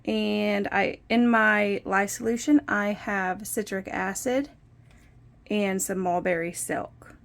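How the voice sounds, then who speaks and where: A woman's voice: mid-range voice, fairly even intonation, slow, gravelly. A young woman hosting a casual soap-making vlog, chatty and self-deprecating as she talks through each step. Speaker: soap maker and channel host. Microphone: phone propped on a windowsill.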